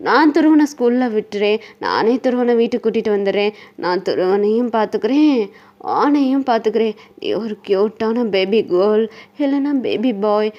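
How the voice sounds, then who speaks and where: A man's voice: high voice, moderate pace, lo-fi sound, natural voice. A woman voicing a possessive young male kidnapper who keeps pleading with his wife, in an insistent, repetitive way. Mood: coaxing. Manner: insistent, repeating lines over and over.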